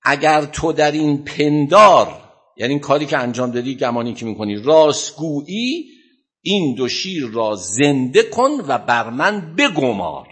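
A preacher putting on a scornful royal courtier. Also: male voice, a little high, very animated, fairly bright tone, slightly rough, full character voice. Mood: challenging. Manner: mocking, accusing. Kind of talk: acted quote in a sermon.

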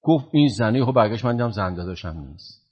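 A man giving a sermon, telling a story in a lively way, rising loud and dropping low. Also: husky. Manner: animated, swings from loud to hushed. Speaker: preacher. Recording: dull lo-fi sound.

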